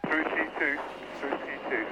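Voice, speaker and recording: A man's voice: fairly high pitch, normal speed. A man on a race team speaking clipped instructions over team radio. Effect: team radio transmission. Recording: muffled radio with loud engine noise.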